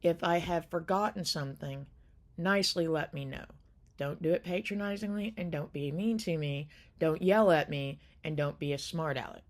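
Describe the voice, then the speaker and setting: A woman's voice: low voice, normal speed. A woman hosting a caregiving channel, talking casually to the camera in a loose, rambling way with many fillers and restarts.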